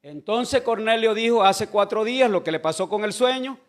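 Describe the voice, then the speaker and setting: A man's voice: high-pitched, animated, moderate pace. A man, a pastor preaching a sermon, retelling a scripture story in plain words and putting questions to the congregation.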